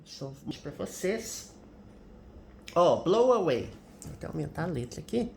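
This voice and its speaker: A man's voice: on the high side, very animated, moderate pace, vocal fry, darkish tone. A Brazilian man teaching an English grammar lesson, explaining example sentences patiently and often checking in with "né?". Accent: Brazilian Portuguese. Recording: roomy echo with faint background noise.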